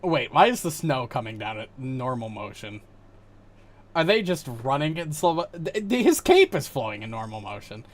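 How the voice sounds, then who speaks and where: A man streaming a video game, reacting excitably, laughing and swearing freely. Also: mid-range voice, moderate pace. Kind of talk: live game commentary.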